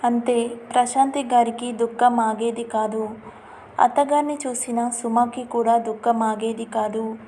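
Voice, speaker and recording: A woman storyteller reads a family tale in a steady, even manner. Her voice is fairly high yet dark and mellow, and a faint hiss of noise sits under the recording. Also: measured pace. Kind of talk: scripted story narration.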